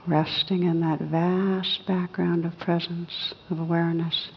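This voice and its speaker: Slow, low-pitched woman guiding meditation. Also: little pitch movement, creaky, a little hiss or hum. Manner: soothing, unhurried, with long pauses between short phrases. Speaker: meditation teacher. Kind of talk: guided meditation. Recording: muffled, reverberant hall recording.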